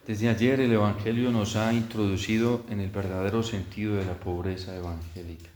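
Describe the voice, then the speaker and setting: A man, a priest, celebrating Mass and preaching a homily in slow, measured phrases, heard with an echoey church reverb. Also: on the low side, flat delivery, darkish tone, slight background noise. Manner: slow, measured preaching with long pauses, rising in intensity.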